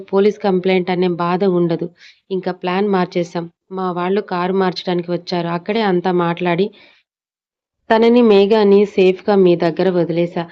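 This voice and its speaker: A woman's voice: medium pitch, close to an everyday voice. A woman storyteller voicing a cruel young male kidnapper who taunts his victim with false sweetness, on a dull lo-fi recording.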